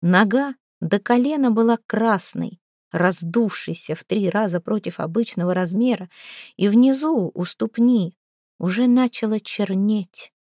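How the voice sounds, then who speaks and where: A woman reading a novel aloud as narrator, with even storytelling. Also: mid-range voice, a little slow, no echo, clean studio sound. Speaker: audiobook narrator. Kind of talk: scripted narration.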